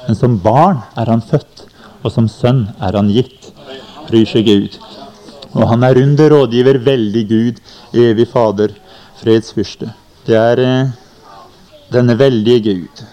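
A man's voice: mid-range voice, steady tone, pauses often, dark tone, muffled recording. A man preaching a sermon at a summer convention, teaching plainly and quoting scripture, recorded on an old cassette tape. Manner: plain teaching tone with scripture quotes and "ikke sant". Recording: 1990 cassette recording, uneven quality.

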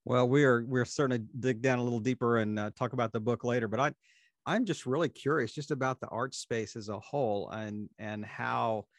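A male podcast host with a gravelly, fry-tinged voice. He talks in a halting, casual way, restarting and repeating words. The recording is dry and close. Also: medium pitch, steady tone, no room sound. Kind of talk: casual interview talk.

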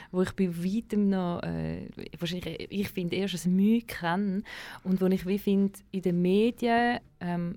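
A woman's voice: medium pitch, a little mellow, dry recording. A woman with a Swiss German accent talking casually as an interview guest, enthusiastic and searching for her words. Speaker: radio presenter as interview guest.

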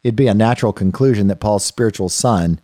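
A man leads a Bible study lesson, thinking aloud as he goes and often circling back to restart a phrase. His voice sits a little low and has a mellow, dark tone. The recording is dry and close, with no room sound around him. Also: fast, no echo. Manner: thoughtful, with frequent restarts and asides to the listener. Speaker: Bible teacher. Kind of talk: unscripted Bible study lecture.

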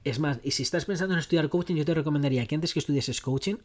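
A man's voice: on the high side, very fast. Chatty rambling man. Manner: chatty, rambling, self-interrupting with asides and acted quotes. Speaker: podcast host. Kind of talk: casual solo podcast talk.

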